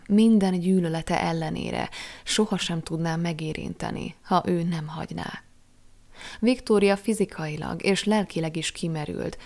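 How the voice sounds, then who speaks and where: Woman, audiobook narrator, low voice, vocal fry, measured and expressive. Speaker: audiobook reader.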